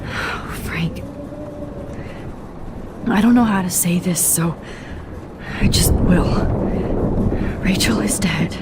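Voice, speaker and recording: A woman voicing an earnest, determined teenage student in a video game, speaking gently and a little hesitantly. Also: on the low side, slow pace, pauses often, in a whisper. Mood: somber, hesitant. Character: teenage girl student, earnest, determined, soft-spoken heroine. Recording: loud storm noise over voice.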